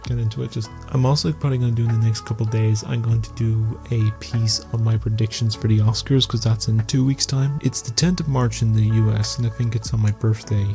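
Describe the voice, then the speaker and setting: Hosting an entertainment news series, a man talks fairly quickly in a low, warm, steady voice with hardly any pauses. His film news commentary is casual and rambling in a vlog style, and music plays beneath him.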